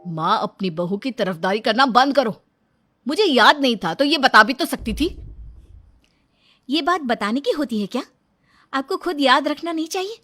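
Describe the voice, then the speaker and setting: A young wife, hurt and ready to argue , as a woman narrator puts her on in a cartoon story. The voice is high and bright, rising sharply when she complains. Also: sing-song, a little slow, faint music behind, full character voice. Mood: complaining.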